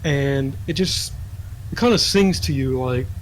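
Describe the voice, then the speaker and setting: A man's voice: mid-range voice, measured pace, a little hiss or hum, poor audio. A young man narrating as dungeon master in a casual, rambling way full of fillers. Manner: casual, filler-heavy storytelling. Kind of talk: narrating a tabletop game.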